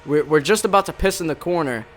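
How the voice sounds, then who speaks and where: A young man from the Bronx tells a casual, foul-mouthed story over gameplay, rambling and backtracking as he goes. His voice sits a touch higher than most men's, with a faint hiss of noise underneath. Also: quick pace. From the Bronx, New York. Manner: rambling, heavy swearing, frequent self-corrections. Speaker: former Marine storyteller.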